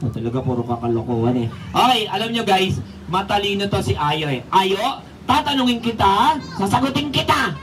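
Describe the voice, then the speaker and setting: A man's voice: sits high, sing-song, fairly quick, a bit bright, soft background music. Playful ventriloquist man at a kids' party. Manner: playful, teasing, addressing the audience. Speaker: ventriloquist entertainer. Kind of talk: live comic ventriloquist show for children. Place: children's party. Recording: distant mic, noisy live event.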